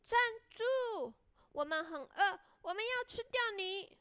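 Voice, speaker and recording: A woman doing shouting, hungry little children. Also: high voice, little pitch movement, normal speed, no room sound, clean studio sound, voice pushed up, lightly acted. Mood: excited. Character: hungry excited young children.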